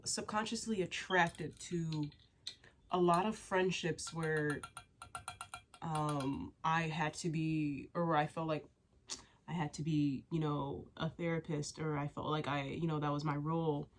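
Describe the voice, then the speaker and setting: A young woman vlogger with a low voice talks openly and at length to her viewers in a casual chat to camera. Recovering from a cold, she sounds stuffy and sniffles now and then. Her rambling, candid sentences are packed with "like," "you know," and restarts.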